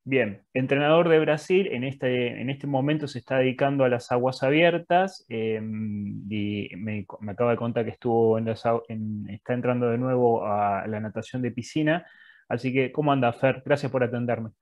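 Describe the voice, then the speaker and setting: A man's voice: mid-range voice, normal speed, dull audio. A man in his thirties with a Rioplatense Spanish accent, casually hosting an interview over a video call. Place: indoor room, video call. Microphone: wired earphones on a video call.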